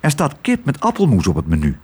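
A man's voice: mid-range voice, wildly swooping pitch, fast talker, dark tone, slightly rough. A man voicing a kindly woman who runs a small eatery, coaxing and friendly.

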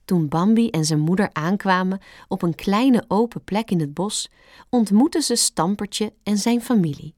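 A woman reading a children's storybook aloud, calm and gentle, with expressive turns. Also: mid-range voice, normal speed, no echo, studio quality. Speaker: narrator.

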